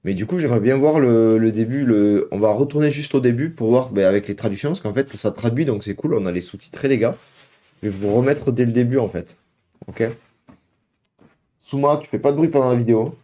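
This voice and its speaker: A man's voice: medium pitch, fairly quick, dark tone. A young man hosting a casual reaction video at home, chatting to his viewers with lots of hesitations and filler words. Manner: chatty, many hesitations, addresses viewers as "guys".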